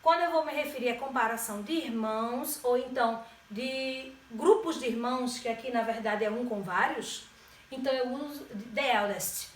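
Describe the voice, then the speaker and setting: A woman's voice: a little high, normal speed. A woman from Brazil teaching an English grammar lesson, explaining step by step and often checking in with her students. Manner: explanatory, frequent checks like "certo?". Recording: echoey room, distant mic.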